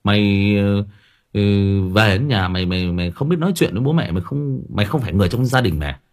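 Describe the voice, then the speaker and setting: A man acting out an angry parent loudly scolding a teenager who won't talk. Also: fairly low pitch, expressive, quick pace. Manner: loud, harsh scolding.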